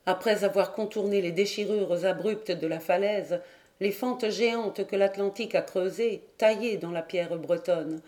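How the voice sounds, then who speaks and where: A woman narrating a literary audiobook in a measured, even storytelling manner. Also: mid-range voice. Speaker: audiobook reader.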